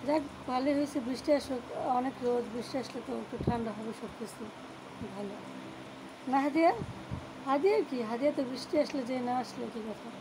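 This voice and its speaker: A woman's voice: high voice, background noise. A young Bangladeshi woman with a Bangladeshi Bengali accent, chatting casually in a home cooking vlog and coaxing and teasing a small child. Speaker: home vlogger and mother. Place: at home, partly outdoors on a windy day.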